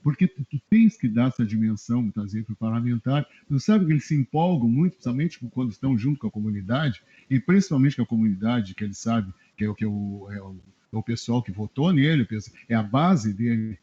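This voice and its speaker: Gaucho guy, middle-aged, husky mellow voice, chatty stories w little chuckles, dull lo-fi radio sound. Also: mid-range voice, brisk. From Rio Grande do Sul, Brazil. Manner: animated anecdotes, chuckling often. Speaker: journalist guest, press adviser. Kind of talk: casual interview storytelling. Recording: dull lo-fi web radio audio.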